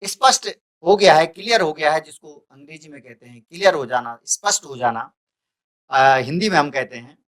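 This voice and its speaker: A man's voice: fairly high pitch, animated, a bit bright. A male teacher giving a recorded lesson, explaining carefully and restating each point. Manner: deliberate, repeats and restates points.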